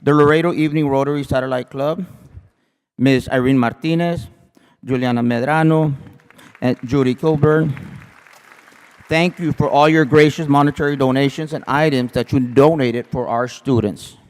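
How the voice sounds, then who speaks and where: A man's voice: mid-range voice, steady tone, moderate pace, clean tone. A man acting as emcee formally reads thank-yous and introduces the next speaker, with small stumbles over names. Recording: long hall reverb.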